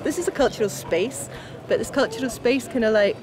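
Woman rambling w lots of "like", higher voice, loud music behind. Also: brisk. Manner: loose, rambling, with filler words. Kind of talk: festival interview.

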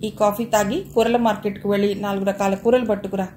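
A woman voicing a young married elder sister who runs the house, brisk and scolding yet affectionate, in an audio novel. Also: mid-range voice, steady tone, warm tone, a little hiss or hum, lightly acted.

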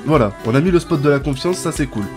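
A man's voice: fairly high pitch, fast talker, faint music behind. A young man giving casual, chatty gameplay commentary as a gaming YouTuber. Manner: chatty, bursts into excited shouts and laughs.

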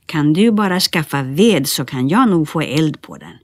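A woman's voice: low-pitched, very animated, no echo, studio quality. A woman voicing a tiny, eager and friendly little person in a storybook reading. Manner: eager, shy, bouncy.

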